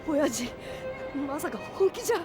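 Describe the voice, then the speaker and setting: A woman voicing a proud, hot-tempered young boy with a husky voice and rough boyish speech. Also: sits high, big pitch swings, unhurried, music in the background. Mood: frightened. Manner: rough boyish speech, shouting when upset. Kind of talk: anime film dub acting.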